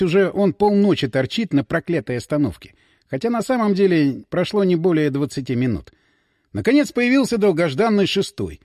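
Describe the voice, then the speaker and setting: Expressive male audiobook narrator. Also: high voice, no room sound, clean studio sound. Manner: expressive, dramatic reading. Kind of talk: scripted narration.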